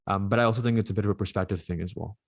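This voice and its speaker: A young man in his twenties from Dubai, a podcast guest talking casually and quickly with plenty of fillers. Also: on the low side, dry recording, clean studio sound. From Dubai, UAE. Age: 20s. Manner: rapid, chatty, frequent fillers. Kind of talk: casual interview conversation.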